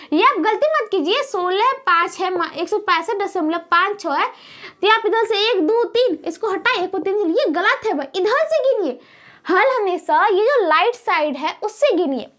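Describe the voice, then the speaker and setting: A woman's voice: very high-pitched, a bit bright. A woman math teacher with a Bihari Hindi accent, explaining rules step by step to students in a classroom lesson.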